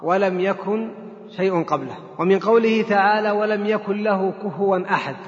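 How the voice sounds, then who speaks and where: High-voiced man lecturing in an echoey hall. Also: normal speed. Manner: explanatory, poses questions to the audience and then answers them. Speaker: Quran teacher. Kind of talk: lecture explaining scripture. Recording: echoey hall, dull lo-fi sound.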